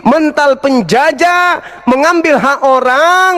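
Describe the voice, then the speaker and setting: A man's voice: very high-pitched, slow pace, sharp tone, big-room sound. A male Islamic preacher in a heated debate, insistent and mocking, repeating his points again and again.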